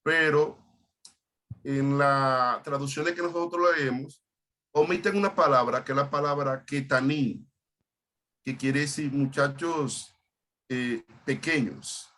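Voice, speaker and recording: Man, pastor, bright forceful voice, halting teaching style, repeats words. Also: medium pitch. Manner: halting, repeats words, explains Hebrew terms. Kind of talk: online Bible study teaching.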